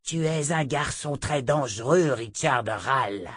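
A man's voice: mid-range voice, animated, unhurried, fairly bright tone, breathy edge, no echo, clean studio sound, pitched above the performer's own voice. A man reading an audiobook, voicing an old female seer who speaks coldly and imperiously. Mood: scornful. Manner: cold, cutting, imperious. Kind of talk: audiobook character voice.

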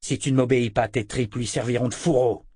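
A man's voice: mid-range voice, steady tone, a little fast, mellow, husky, no room sound, close to an everyday voice. A man voicing a blunt, fierce young swordsman in a firm, clipped manner close to his own voice.

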